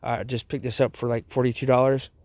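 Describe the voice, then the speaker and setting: A man's voice: medium pitch, flat delivery, fast talker, a little mellow, no room sound. A man hosting a casual product review vlog outdoors, talking with a wad of chewing tobacco dip in his mouth. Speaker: knife review channel host.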